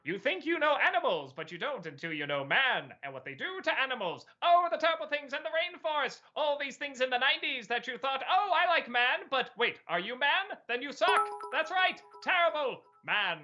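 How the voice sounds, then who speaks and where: Man doing a 1940s newsreel narrator, overblown announcer delivery, high and bright, dull lo-fi audio. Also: sing-song, normal speed, few pauses, faint music behind, exaggerated voice. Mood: bombastic. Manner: overblown announcer delivery, raised pitch and volume. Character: male 1940s newsreel narrator, bombastic and preachy. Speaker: stream guest. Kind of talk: improvised old newsreel parody.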